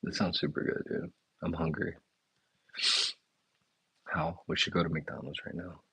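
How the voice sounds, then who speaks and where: A man's voice: low-pitched, little pitch movement, unhurried, gravelly, fairly bright tone, slightly rough, dry recording, rough recording. A man hosting a casual live chat, reading viewer comments aloud and riffing on them in a laid-back way. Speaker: chef and restaurant owner hosting a live chat. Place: indoors, talking to a live chat.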